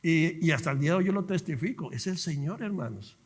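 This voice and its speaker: Fervent pastor, raised pitch. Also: male voice, a little fast, slightly rough, long reverb tail. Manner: animated storyteller, fervent preaching. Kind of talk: sermon with personal testimony. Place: church.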